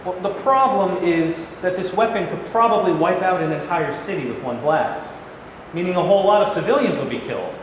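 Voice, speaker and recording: A man's voice: high-pitched, expressive, fairly quick. A man playing a troubled, plain-spoken middle-aged president in a staged play reading. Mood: troubled, earnest. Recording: very echoey hall, noisy room recording.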